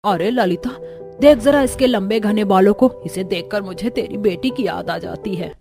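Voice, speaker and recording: A woman voicing a meddling middle-aged neighbor woman who teases in a drawn-out way. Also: medium pitch, vocal fry, music in the background, lightly acted. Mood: teasing.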